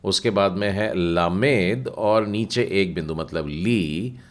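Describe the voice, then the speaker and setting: A man's voice: sits low, takes it slowly. A man teaching a Bible language class, patiently spelling out letters and their sounds step by step. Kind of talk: slow explanatory lesson.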